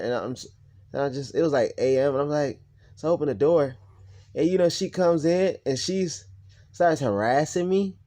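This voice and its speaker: A man's voice: medium pitch, mellow. Profane, ranting young man vlogger. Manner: blunt, profane, heated venting. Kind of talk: personal storytelling rant.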